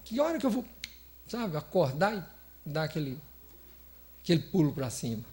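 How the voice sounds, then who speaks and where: A man's voice: on the high side, big pitch swings, normal speed, dark tone. A man from Brazil giving a chatty, playful spiritist lecture, laughing often and putting questions to his audience. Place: lecture hall of a spiritist center.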